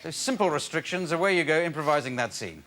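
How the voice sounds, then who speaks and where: A man's voice: on the high side, expressive, fast, a bit bright. A man hosting a comedy game show, unscripted, hesitating and repeating phrases as he presents. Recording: live studio with crowd and noise.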